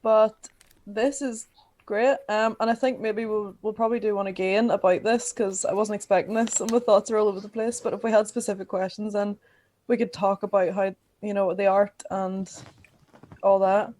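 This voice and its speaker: A woman's voice: mid-range voice, fairly even intonation, normal speed, warm tone. A woman from Northern Ireland interviewing her podcast co-host in a chatty, rambling way, asking lots of questions. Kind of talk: casual chat interview.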